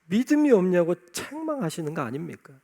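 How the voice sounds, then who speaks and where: A man's voice: sits high, very animated, fairly quick, gravelly, dark tone. Guy preaching a sermon in church, emphatic, keeps repeating his point, voice jumps all over. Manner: emphatic, repeats key phrases. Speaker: pastor. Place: church sanctuary.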